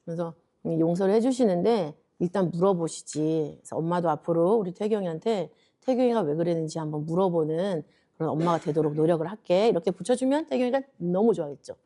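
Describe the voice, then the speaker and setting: A woman preacher gives a gentle children's Bible lesson, speaking as a mother to her child. She asks questions and answers them herself, soft and patient. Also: fairly low pitch, fast talker, few pauses. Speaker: junior preacher teaching a parents' lesson.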